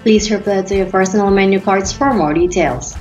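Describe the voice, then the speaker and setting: Female flight attendant announcer, Filipino accent, courteous scripted read, average pitch, echoing room with background music. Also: a little fast, a little mellow, dull audio. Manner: formal, polite scripted flight attendant delivery. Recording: roomy echo, background music. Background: faint to clear music.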